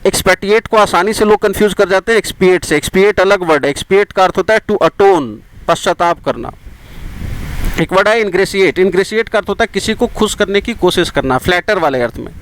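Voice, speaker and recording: A man with an Indian accent teaches exam vocabulary, explaining each word and repeating the English terms slowly to drill them. His voice sits a little high for a man. Faint traffic hums behind him. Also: low-quality recording. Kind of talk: vocabulary lesson for exam prep.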